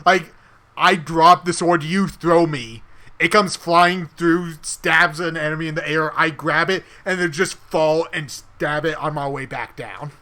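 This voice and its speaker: A man co-hosting a casual podcast with a high, bright, ringing voice. He tells game stories with animation and acts out the characters' lines as he goes. His talk is loose and conversational. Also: fairly even intonation, unhurried. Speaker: podcast co-host and tabletop player. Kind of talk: casual chat.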